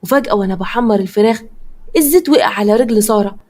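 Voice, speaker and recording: A woman with an Egyptian accent narrating a first-person story with a lively, dramatic telling. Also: mid-range voice, very fast. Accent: Egyptian Arabic.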